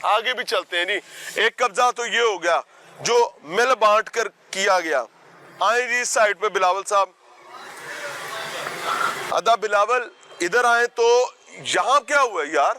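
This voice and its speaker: A man's voice: high-pitched, pauses often, bright, forceful tone, slight background noise. A man reporting on location outdoors, walking and talking in a theatrical, sarcastic way as an investigative host. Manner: theatrical, sarcastic, addresses an absent politician. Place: outdoors at a hospital and a park.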